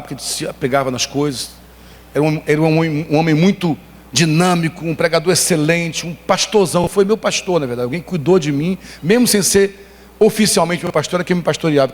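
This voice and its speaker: A Brazilian-accented man preaching a sermon in a church, telling stories with emphatic, animated emotion. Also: fairly high pitch. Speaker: pastor. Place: church hall. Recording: long church hall reverb.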